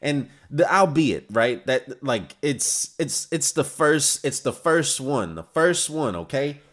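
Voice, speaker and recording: Excitable young man with a lively voice. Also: medium pitch, slow pace. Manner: excitable, slangy, jumps between reading and ranting. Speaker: manga discussion host. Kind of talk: live reaction and commentary.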